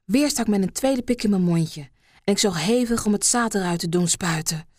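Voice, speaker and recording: Woman, erotic story reader, soft hushed delivery with whispers, mid pitch, dry recording. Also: moderate pace, dry recording. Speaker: narrator.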